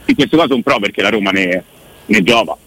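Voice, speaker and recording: A man giving live radio commentary as a reporter, with emphatic, deliberate and rhetorical Italian speech. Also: fairly low pitch, a bit bright, dry recording, low-quality recording.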